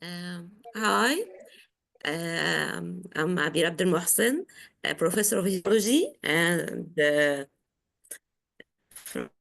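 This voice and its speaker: A woman's voice: lowish voice, animated, creaky, a bit bright. A woman professor from Egypt introducing herself hesitantly on a video call. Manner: hesitant, halting.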